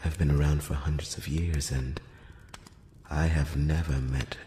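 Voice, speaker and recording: This clip has a man voicing an old, courtly elven envoy who is slyly condescending, speaking slowly, quietly and deliberately in formal, polite language. His very low, soft voice drifts often into whispers, with a flat delivery and a fascinated, musing mood. The close-up microphone catches a long hall-like echo along with slight background noise.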